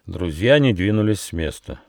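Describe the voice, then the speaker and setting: A man reading his own fairy tale as an audiobook, with expressive storytelling. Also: low-pitched, normal speed, gravelly, no room sound. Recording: dry studio audiobook.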